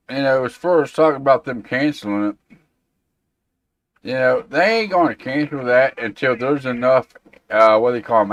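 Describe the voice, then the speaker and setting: A man's voice: medium pitch, a bit bright, muffled recording. A man hosting a tech show, chatting casually and informally and reacting to viewer comments. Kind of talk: casual livestream chat.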